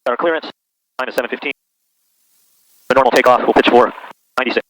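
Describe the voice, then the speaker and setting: A man giving calm, clipped radio calls and cockpit instructions as a pilot, through an aviation intercom headset. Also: mid-range voice, quick pace. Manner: clipped, procedural delivery. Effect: aviation intercom headset sound. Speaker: pilot in an instrument training flight. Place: inside small aircraft cockpit. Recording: noisy aircraft intercom, loud engine drone.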